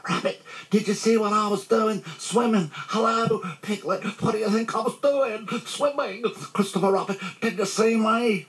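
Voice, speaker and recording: A man voicing a tiny, excitable young kangaroo boy in a storybook, squeaky, eager and proud of himself. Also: slow pace, full character voice, rough recording. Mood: excited, proud. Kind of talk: children's storybook reading.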